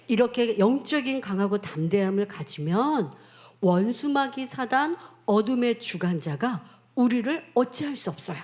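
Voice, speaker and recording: A woman pastor giving a children's sermon, telling a story in an animated way and addressing the children directly. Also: medium pitch.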